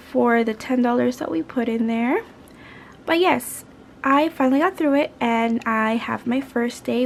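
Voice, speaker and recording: A woman talking casually to her viewers in an informal, rambling, chatty way, as a vlogger. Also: on the high side. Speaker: YouTube budgeting vlogger. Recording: clear background noise.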